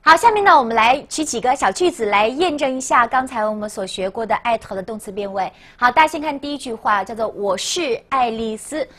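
A woman teaching a language lesson, coaxing and repeating words slowly for students to echo. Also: a little high, expressive, a bit bright. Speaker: French teacher.

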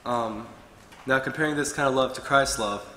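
A man's voice: medium pitch, moderate pace, pushed and bright, a little hiss or hum. A young man preaching a short sermon from a pulpit, earnestly reading from his notes. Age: young adult. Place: church hall with wood-paneled walls. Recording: echoey hall with long reverb.

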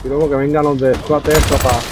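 A man's voice: mid-range voice, little pitch movement, brisk, over loud music. A man talking casually with a teammate while playing a co-op video game. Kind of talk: casual gameplay chat in co-op.

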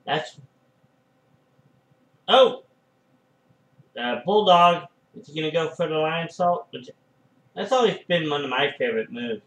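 Excitable man doing slow fan commentary. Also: a little high, echoey room, rough recording. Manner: excitable, frequent "oh" and "uh" fillers. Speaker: fan commentating a wrestling match.

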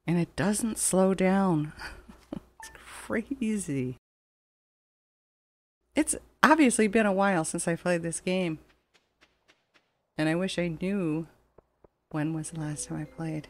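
Her mid-range voice is a little mellow. Recording at home with a fan going and the window slightly open, this gaming video host offers casual, rambling let's play chatter over game music.

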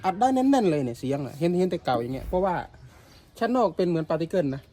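A man's voice: high voice, very animated, very fast, dark tone. A man casually explaining the condition and price of goods for sale in a polite, matter-of-fact way. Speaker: seller showing used speaker gear. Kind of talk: casual sales chat, quoting prices and condition.

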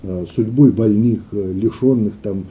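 Male clergyman, middle-aged, very dark soft-edged tone, reflective interview delivery with hesitant phrasing. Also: fairly low pitch, measured pace. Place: small meeting room indoors.

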